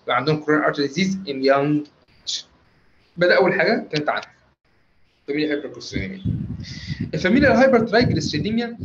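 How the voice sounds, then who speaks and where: Rapid-fire Egyptian man lecturing. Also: fairly high pitch, a bit bright, lo-fi sound, a little hiss or hum. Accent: Egyptian Arabic. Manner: rapid, quizzing listeners with questions he answers himself. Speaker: medical lecturer. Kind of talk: recorded medical lecture.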